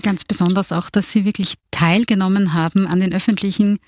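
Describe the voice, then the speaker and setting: A woman's voice: medium pitch, fairly even intonation, a little fast, darkish tone. A woman hosting a religious radio show, formal and courteous, opening with a scripted introduction. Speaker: radio host. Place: radio studio.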